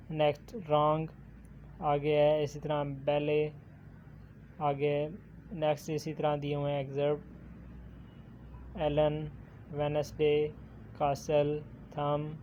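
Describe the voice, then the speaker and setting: A man teaching a recorded textbook lesson. He reads English phrases slowly, then explains them. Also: on the high side, darkish tone, muffled recording, slight background noise.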